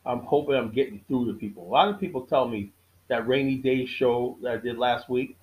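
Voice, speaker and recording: A middle-aged podcast host speaks informally to his audience in a moralizing tone, echoing his main points for effect and often faltering before restarting. The medium-pitched voice comes through with phone-quality sound.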